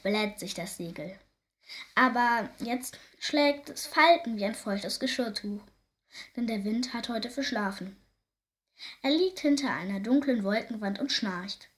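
A woman reading a children's story aloud in a lively, expressive way. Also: a little high, a little slow.

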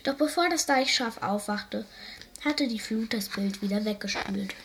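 A woman reading a children's story aloud, narrating in a calm storytelling way. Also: a little high, measured pace, noisy background.

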